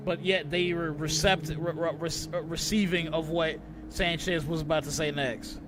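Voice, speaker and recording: A man's voice: a little high, fairly even intonation, normal speed, over music. A man streaming a game, narrating it like a dramatic audiobook, stumbling over words and breaking into laughter.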